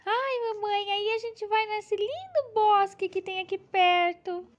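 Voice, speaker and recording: Woman doing a sweet high little girl doll. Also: takes it slowly. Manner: sweet whiny childlike voice.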